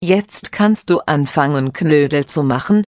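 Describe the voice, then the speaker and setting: Woman reads calm mother figure, slow and instructive, lowish voice. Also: no room sound, studio quality. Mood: patient. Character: patient mother explaining cooking to her children.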